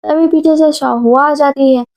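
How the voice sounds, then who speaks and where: High-voiced woman recapping a film. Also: fairly even intonation, darkish tone, low-quality recording. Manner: retells scenes briskly, reading characters' lines in her own voice. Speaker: movie recap narrator. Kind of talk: casual plot-retelling narration.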